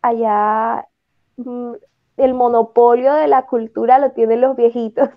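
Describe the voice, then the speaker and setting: Higher-voiced Colombian Caribbean woman, slightly muffled. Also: little pitch movement, a little slow. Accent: Colombian Caribbean (costeño). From Ciénaga, Caribbean coast of Colombia. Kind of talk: casual conversational interview talk. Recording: slightly dull, lo-fi sound.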